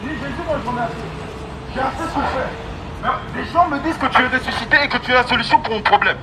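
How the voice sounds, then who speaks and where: Out on an urban street, a man delivers an emphatic, exhorting open-air sermon through a megaphone, circling back to key phrases repeatedly. His very high voice comes fast, amplified over loud street noise.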